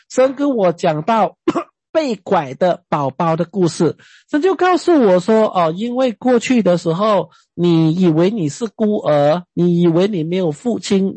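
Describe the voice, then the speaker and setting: Female preacher, husky and dry-miked, folksy talk-style sermon full of questions to the listeners. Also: mid-range voice, mellow, no echo. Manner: chatty, asks the listeners questions, often hesitates. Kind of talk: conversational sermon.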